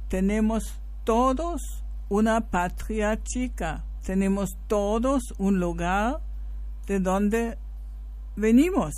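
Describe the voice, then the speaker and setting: A radio host with a German accent, from northern Germany, introducing the show slowly and answering her own questions. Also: medium pitch, darkish tone. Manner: slow, explanatory, asks and answers own questions.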